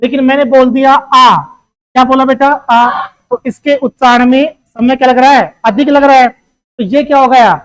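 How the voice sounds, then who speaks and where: A high-pitched teacher runs an exam-prep grammar lesson. The teacher asks a steady string of questions, answers each one, and addresses the students affectionately as "beta.". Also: moderate pace, low-quality recording. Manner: asks questions, answers them itself, calls listeners "beta".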